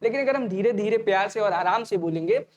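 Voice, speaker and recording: A man teaching an online exam-prep lecture, talking fast and repeating each point as a question to the students before answering it himself. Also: high voice, lively intonation. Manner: casual, addresses students directly.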